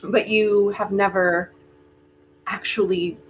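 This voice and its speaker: A woman with a mid-range, flat, near-everyday voice reads the part of a genial, boastful, self-important aging tycoon who loves theater and bargains with Death, in a remote virtual comic play reading. Her unhurried delivery is stagey, persuasive, coaxing and wry. The audio is from a noisy online video call with faint line noise.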